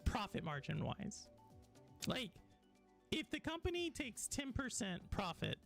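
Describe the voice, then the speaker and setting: Man on a replayed stream clip, probing questions, lively pitch, faint music under him, distant. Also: unhurried, vocal fry. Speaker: streamer being reacted to. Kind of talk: casual debate on a stream.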